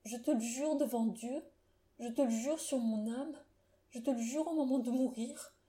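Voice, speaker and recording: A woman's voice: on the high side, normal speed, dark tone, lightly acted. A woman reading the part of a dying young woman who pleads in a breathless voice. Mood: pleading.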